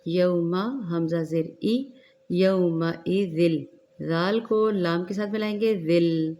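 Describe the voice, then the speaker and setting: A woman teaching Quran recitation in a tajweed lesson, explaining each rule slowly and deliberately between drawn-out recited words. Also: fairly low pitch, steady tone, mellow, slight background noise.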